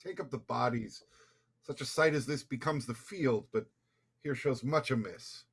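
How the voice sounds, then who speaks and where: A man playing a solemn, commanding prince in a Shakespeare reading, with a husky voice. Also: mid-range voice, normal speed. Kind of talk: dramatic Shakespeare read-through.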